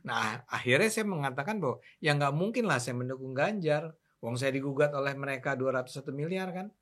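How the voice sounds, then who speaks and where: An older man in a casual talk show, telling his side of a political falling-out in an animated, opinionated way. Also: mid-range voice, fairly quick. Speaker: political commentator.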